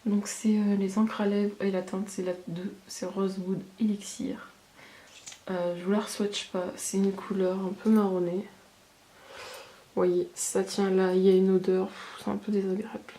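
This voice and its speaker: A woman's voice: medium pitch, flat delivery, normal speed, warm tone. A woman giving a casual beauty haul review, chatty and full of hesitations. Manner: chatty, many fillers and hesitations. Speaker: beauty vlogger. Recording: echoey room with background noise.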